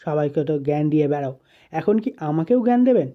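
A man's voice: a little high, expressive, fast talker, natural voice. Brief: playful, needling young man, read by a man; lo-fi. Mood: teasing. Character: teasing, sweet-talking young man.

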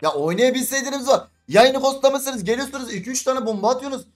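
Brief: young male game streamer, high voice, rapid exasperated griping. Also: soft background music. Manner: fast, exasperated, complaining. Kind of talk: live gaming stream chat.

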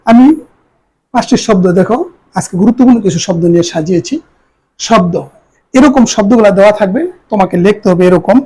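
A woman teacher gives a pronunciation lesson, slowing down and repeating each example word for her students. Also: medium pitch, dark tone, rough recording. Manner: repeats words for students to follow. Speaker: Bengali grammar teacher. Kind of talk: classroom lesson.

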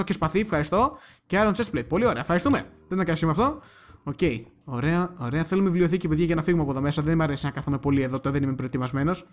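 A young man with a high voice, running a gaming channel. He keeps up chatty let's-play commentary and talks straight to his viewers. Now and then he breaks into sudden excited yelps.

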